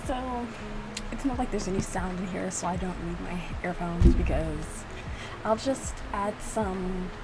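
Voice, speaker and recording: A woman with a lowish voice speaks unhurriedly over loud music, chatting in a playful, self-mocking way like a YouTuber reacting to her own visual novel. It's casual, rambling reaction commentary, clearly recorded in a noisy room.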